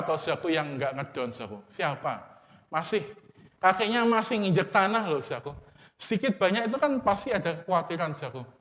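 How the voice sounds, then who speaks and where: A man with an Indonesian accent, a pastor preaching a sermon in casual everyday speech, trailing off softly at the end of phrases. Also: high-pitched. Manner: repeats a term of address after most phrases, fading to a murmur. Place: church hall. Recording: long hall reverb.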